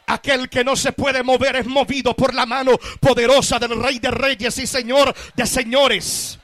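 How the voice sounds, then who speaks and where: A guest preacher from Puerto Rico, a man with a Puerto Rican accent, delivers a sermon to his congregation in an extremely high voice that barely moves in pitch. He speaks unhurriedly with a slightly bright tone and no echo, emphatic and repetitive, addressing his listeners directly.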